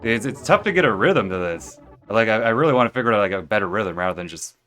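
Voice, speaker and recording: A young streamer with a fairly low, slightly bright voice talks fast and with lively intonation while playing a video game, offering casual let's-play commentary. He thinks aloud, rambling and correcting himself, with faint music behind him.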